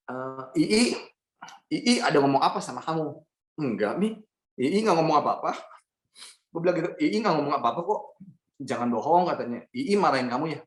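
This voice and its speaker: A man's voice: on the high side, roomy sound. A young man giving a personal testimony talk, telling his story to an audience he calls his friends and acting out the dialogue. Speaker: motivational speaker.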